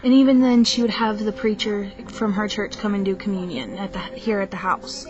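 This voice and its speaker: A young woman vlogger rants casually to the camera, frank and hesitant, worn out from too little sleep and often breaking off to restart her sentences. Her voice is medium-pitched at a moderate pace, with the highs cut off. Faint film soundtrack music plays behind her.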